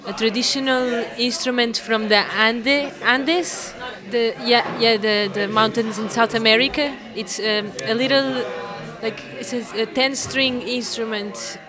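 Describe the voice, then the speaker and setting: A woman's voice: on the high side, fairly even intonation, unhurried. Woman over crowd chatter. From Portugal. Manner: hesitant, many fillers and restarts. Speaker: interviewee, amateur musician. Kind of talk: casual interview answers.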